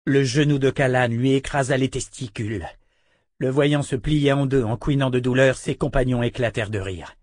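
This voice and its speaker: A man's voice: medium pitch, moderate pace, darkish tone, no room sound. Man narrating an audiobook, dry close sound. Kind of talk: audiobook reading.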